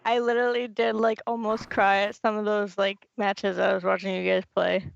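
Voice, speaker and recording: A woman's voice: medium pitch, level tone, moderate pace, vocal fry, no echo, dull audio. A woman guest on a gaming podcast, talking eagerly and effusively. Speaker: podcast guest, team supporter. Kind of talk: casual chat.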